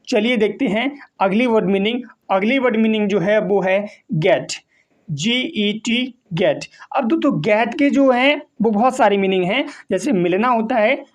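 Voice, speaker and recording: A man teaching English vocabulary, explaining slowly and patiently, repeating and spelling out each word. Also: sits high. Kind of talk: vocabulary lesson.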